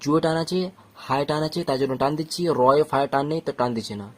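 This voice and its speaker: A man from Bangladesh or West Bengal gives a patient, step-by-step Quran recitation lesson in a medium-pitched voice. He sounds out letters slowly, syllable by syllable, explaining each step calmly and checking with "okay?".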